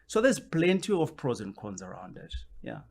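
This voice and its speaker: A man's voice: medium pitch, sing-song, moderate pace, vocal fry, breathy edge. A man, a guest on a podcast interview, explaining his points at length and often circling back with "which basically means".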